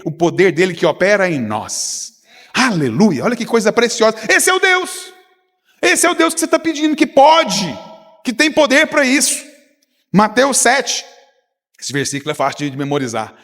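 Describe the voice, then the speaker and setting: A man's voice: high-pitched, fairly bright tone. A Brazilian man preaching as pastor, emphatic, with the congregation made to repeat his words. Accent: Brazilian Portuguese. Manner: emphatic, calls on the congregation to repeat after him. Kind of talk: sermon. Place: church sanctuary. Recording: reverberant church hall.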